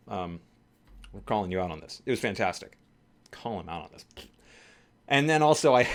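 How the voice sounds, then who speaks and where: Low-voiced man rambling excitedly. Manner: rambling, enthusiastic, self-correcting. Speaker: tabletop game YouTuber and game master. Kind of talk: casual talk to camera.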